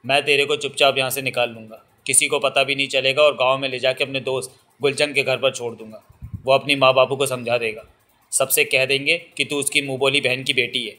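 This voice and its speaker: An earnest young village lover, protective and devoted, read by a male narrator. The tone is bright, in an audiobook novel. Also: mid-range voice, steady tone, a little fast, natural voice. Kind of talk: audiobook reading.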